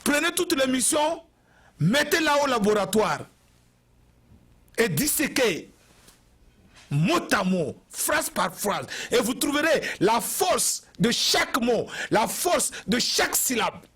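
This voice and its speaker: A man's voice: very high voice, big pitch swings, slow, a bit bright, breathy edge. A man from Togo, giving an impassioned TV address and repeating phrases for emphasis. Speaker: TV commentator.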